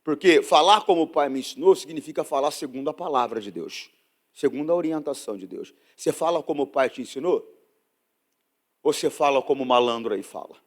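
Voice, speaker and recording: High, animated preacher man. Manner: preaching with sudden loud emphatic rises and drawn-out scripture reading. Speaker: pastor. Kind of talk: sermon.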